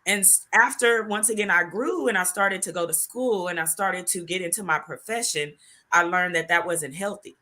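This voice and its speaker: Her voice is lowish and sharp, delivered at a normal speed. As creator and host of her show, this middle-aged woman guides a sincere, reflective conversation, laughing at points and at other times welling up.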